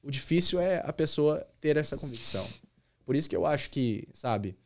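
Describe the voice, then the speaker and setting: A man's voice: a little high, lively intonation, moderate pace, darkish tone, slight background noise. A man, a youth pastor telling a personal story as a podcast guest, earnest and repeating key words for emphasis.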